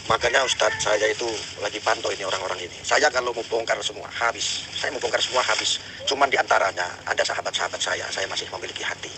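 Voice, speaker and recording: A man in a heated online debate, excitable and given to loud high exclaiming cries. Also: fast, background noise. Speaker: livestream debater.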